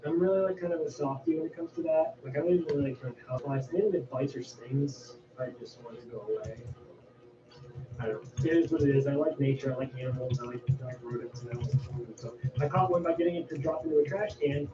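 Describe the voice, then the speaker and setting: A man's voice: medium pitch, fast talker. A man rambling casually to his livestream viewers as the host. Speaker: video creator hosting a livestream. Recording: roomy, distant, dull audio with faint noise. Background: faint noise and ambience.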